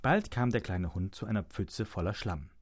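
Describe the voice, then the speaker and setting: A man reading a children's story aloud in a slow, soft, expressive way. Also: fairly low pitch, husky.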